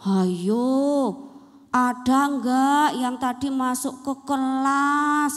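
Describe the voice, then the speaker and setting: Brief: woman doing a firm, gentle male schoolteacher, slow and questioning, in a reverberant room. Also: high voice, steady tone, pitched above the performer's own voice. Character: male schoolteacher, stern then kind.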